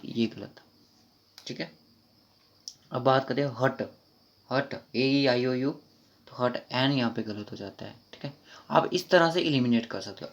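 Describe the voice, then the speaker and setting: A man with a Kashmiri accent teaching an online English grammar lesson, explaining quickly and informally and reading the English sentences out slowly. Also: mid-range voice. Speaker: exam prep teacher. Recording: dull lo-fi recording.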